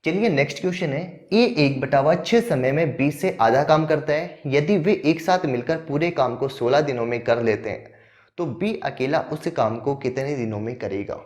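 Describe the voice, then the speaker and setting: A man's voice: medium pitch, normal speed, a little mellow. Male maths tutor for exam prep, walks through each step, asks and answers his own questions, mid-range voice. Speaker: maths teacher.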